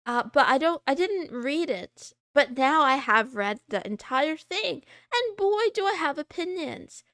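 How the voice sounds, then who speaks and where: A woman's voice: high-pitched, expressive, unhurried, fairly bright tone, dry recording, clean studio sound. A woman streamer chatting casually through a voice changer, rambling and laughing often as she talks. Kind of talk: casual chat.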